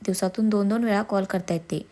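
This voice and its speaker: A woman voicing a reproachful, sharp-tongued young wife in a storybook reading. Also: mid-range voice, fairly even intonation, brisk, close to an everyday voice. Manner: reproachful, sarcastic.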